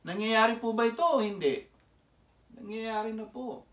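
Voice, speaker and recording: A man's voice: high-pitched, moderate pace, fairly bright tone. A man with a Filipino accent preaching a sermon, emphatic and always putting rhetorical questions to his listeners. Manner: emphatic, keeps asking the audience rhetorical questions. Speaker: lay preacher. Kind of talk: Taglish sermon commentary. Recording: echoey room, mic set far off.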